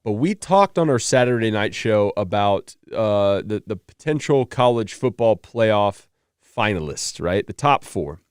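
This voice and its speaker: Guy in his 30s cohosting a football podcast, joking around, smooth voice. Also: on the low side, animated, dry recording, clean studio sound. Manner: joking, quick banter. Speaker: podcast co-host. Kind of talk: casual sports chat.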